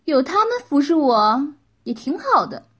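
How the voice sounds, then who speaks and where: A woman's voice: high voice, sing-song, measured pace, a bit bright, pitched above the performer's own voice, exaggerated voice. A woman voicing a bossy, playful young wife who teases and gives orders in a story reading. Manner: teasing, commanding.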